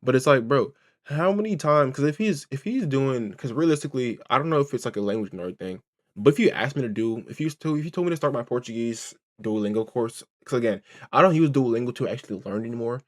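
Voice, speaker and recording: A reaction streamer, this man talks fast in an expressive, mid-range voice. He rambles through casual commentary, restarting sentences, swearing freely, and constantly asking "right?" and "you know what I'm saying?"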